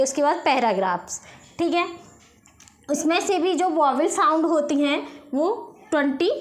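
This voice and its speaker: A woman with an Indian accent teaching a spoken English lesson, explaining step by step and checking in often. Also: sits high.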